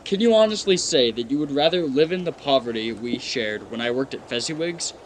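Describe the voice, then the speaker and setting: Male actor as self-satisfied young man of business, formal, medium pitch, radio play, faint noise. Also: animated, brisk, natural voice, rough recording. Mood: defensive, proud. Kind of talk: live-audience radio play acting.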